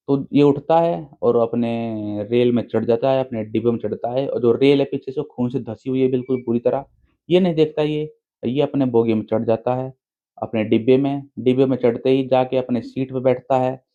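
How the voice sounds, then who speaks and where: Storyteller, male, casual chatty horror narration, phone-quality tinny audio. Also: mid-range voice. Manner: informal, chatty retelling in plain speech.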